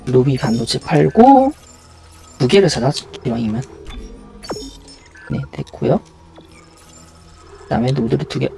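A man's voice: medium pitch, very animated, measured pace, vocal fry, long pauses, dark tone, soft background music. A man giving casual live video game commentary, muttering and thinking aloud to himself as he plays.

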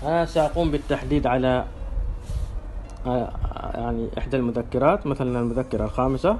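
A man presenting a step-by-step software demonstration in a halting, instructional way. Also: mid-range voice, a little hiss or hum. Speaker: tutorial presenter.

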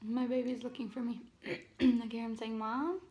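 A young woman chatting casually in an eating vlog at home, speaking after a bite of noodles, soft-spoken and unhurried. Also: a little high, flat delivery, lo-fi sound. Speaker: vlogger. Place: home, indoors. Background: faint TV from next room.

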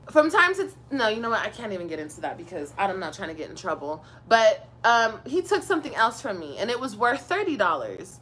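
A woman's voice: fairly high pitch, a bit bright, slight background noise. Profane, heated young woman venting. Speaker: live streamer. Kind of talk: venting story time to viewers.

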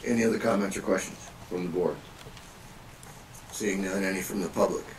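A man's voice: low-pitched, fairly quick. Man chairing a public board meeting. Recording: distant mic, echoey room, audience noise.

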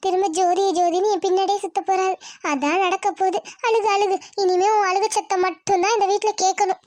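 Spiteful young cartoon schemer, bossy and quick, very high voice, a woman doing it. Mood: gloating. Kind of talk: cartoon voice acting.

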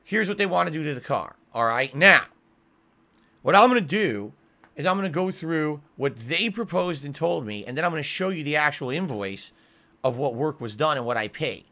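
Bright, forceful American man, higher-pitched voice. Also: animated, moderate pace. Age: middle-aged. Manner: emphatic, aggrieved explaining with frequent "all right?" and "okay?" tags. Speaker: streamer. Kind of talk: casual livestream monologue to viewers. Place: small home room with acoustic foam, indoors. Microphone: desk microphone with pop filter, close.

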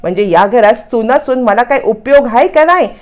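A woman's voice: a little high, lively intonation, moderate pace, darkish tone, close to an everyday voice. A woman voicing a demanding, complaining old mother-in-law.

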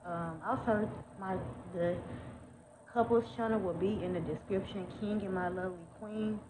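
A woman's voice: medium pitch, fairly even intonation, moderate pace. A woman in her thirties chatting casually to her viewers, with lots of ums and y'alls, recorded on a phone held at arm's length. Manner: chatty, many ums, says y'all often. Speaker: vlogger, mother of twins. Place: indoors at home, then outdoors walking. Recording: noisy phone recording with ambience.

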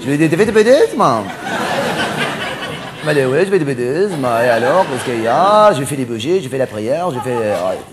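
A male comedian on stage playing a flamboyant, cross-dressing cabaret dancer in a stand-up character monologue, camp and theatrical, quick to snap at the audience. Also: mid-range voice, big pitch swings, over a noisy crowd, heavy background noise, natural voice. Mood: camp chatty.

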